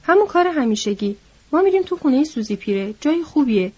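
A woman voicing a chatty young male ranch hand who gossips loudly and eagerly, in a storybook reading. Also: high-pitched. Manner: loud, lively gossiping. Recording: dull lo-fi audiobook recording.

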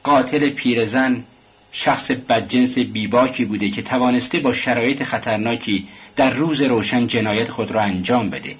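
A man voicing an eager, talkative male police office clerk who argues earnestly, with a husky voice in a dull lo-fi recording. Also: medium pitch.

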